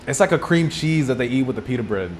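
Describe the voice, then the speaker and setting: A man's voice: medium pitch, expressive, quick pace, background noise. A young man with a Texan accent, co-hosting a casual podcast chat, rambling through stories with frequent laughs and acted-out quotes. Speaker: podcast co-host back from a trip.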